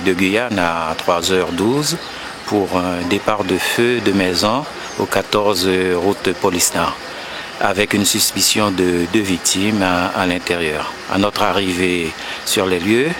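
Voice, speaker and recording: Male emergency responder, low voice, measured formal report, clear background noise on scene. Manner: measured, procedural, hesitant. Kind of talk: formal incident report in an interview.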